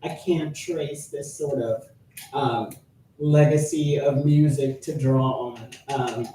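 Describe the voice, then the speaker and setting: A woman's voice: steady tone, takes it slowly, mellow, recorded from a distance. A woman in her late thirties from Trinidad, a musician guest chatting thoughtfully on a radio show with many restarts. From Trinidad and Tobago. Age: late 30s. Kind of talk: casual interview chat. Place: radio studio. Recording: echoey studio, off-mic, faint rumble.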